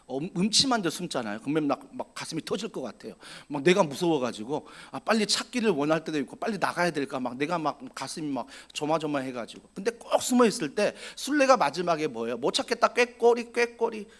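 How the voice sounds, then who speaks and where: A man preaching a sermon as pastor, dramatic, acting out quoted voices and building to loud, emphatic preaching. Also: fairly high pitch, big pitch swings, fast.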